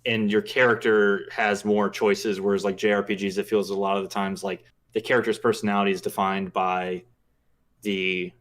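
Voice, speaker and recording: Young male podcast co-host, lower voice, loose rambling chat. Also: flat delivery, normal speed, fairly bright tone. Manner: rambling, chatty, filler-heavy. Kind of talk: casual chat.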